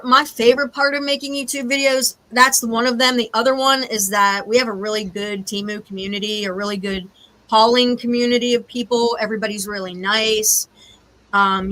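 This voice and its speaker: A woman co-hosting a casual live stream chat from home, chatty and quick to laugh. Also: on the high side, pushed and bright. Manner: chatty, laughs often, says y'all. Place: home with cats nearby.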